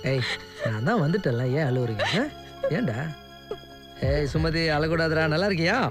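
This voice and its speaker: An actor playing a cheerful young village man back home, greeting family and friends in a warm, teasing way. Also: fairly high pitch, sing-song, moderate pace, music in the background. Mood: affectionate. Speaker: lead character. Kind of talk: film drama acting.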